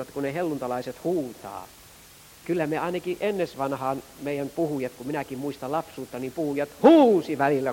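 A man preaching a Pentecostal sermon, moving between quiet, hushed passages and raised, fervent ones. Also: a little high, in a large hall, poor audio.

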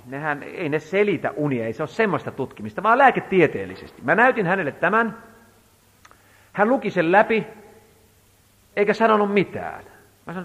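A man preaching a sermon, telling a story in an emphatic, animated way. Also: sits high, breathy edge. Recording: reverberant hall.

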